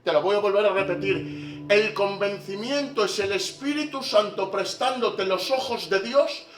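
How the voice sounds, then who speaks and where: Predicador español de voz aguda y resonante. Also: male voice, sits high, moderate pace. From Spain. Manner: swings from hushed to shouting. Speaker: pastor. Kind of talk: sermon. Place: church. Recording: echoey church from far off, faint music.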